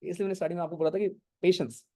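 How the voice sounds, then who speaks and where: A male geography teacher giving an online exam-prep lecture, explaining slowly with many English terms, often checking whether students follow and scolding them for going off topic. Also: sits high, steady tone, mellow. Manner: mixes English terms into speech, keeps asking if it is clear. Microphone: no earphones, talking to an online class.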